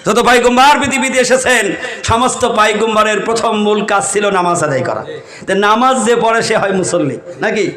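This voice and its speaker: A man's voice: high voice, moderate pace. A man preaching a sermon to a crowd in rural spoken style, chanting verses and prompting the listeners to respond. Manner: calls on the crowd to answer and shout along; rural spoken Bengali with vivid storytelling. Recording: echoey hall.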